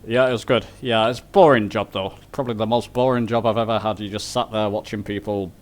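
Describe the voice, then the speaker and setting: A man's voice: fairly low pitch, fairly even intonation, quick pace. A man chatting casually on a group voice call, often laughing. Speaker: flight sim group member. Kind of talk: casual voice chat.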